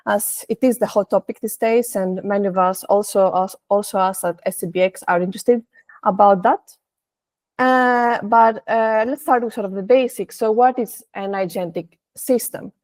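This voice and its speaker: A woman presents a technical talk, often restarting her sentences and pausing on fillers. Her pitch sits in the middle range, and the sound is dry and close. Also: no echo. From Greece. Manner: hesitant, many restarts and fillers. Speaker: presenter, senior data scientist.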